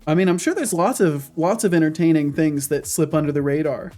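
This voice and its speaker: A man in his thirties, a streamer and game developer, chats casually with his livestream viewers from his home office while he codes. His voice sits a little high and moves fairly quickly, and he stays relaxed, turning to chat between coding asides as faint music plays behind him.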